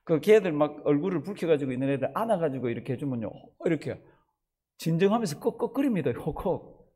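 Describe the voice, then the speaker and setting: Male pastor, sermon delivery, expressive pitch, fairly high, engages the congregation. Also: fast, husky. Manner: animated, asks the congregation questions and acts out voices. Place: church service.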